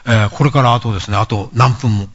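A man giving a sermon lecture, emphatic, with frequent pauses and asides. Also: medium pitch, steady tone, muffled recording. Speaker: preacher.

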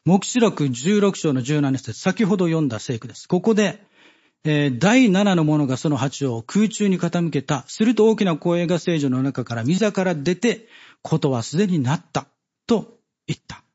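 Husky man preaching a Bible study. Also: a little high, animated, dark tone, highs cut off. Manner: measured, with many fillers and pauses, reading scripture aloud.

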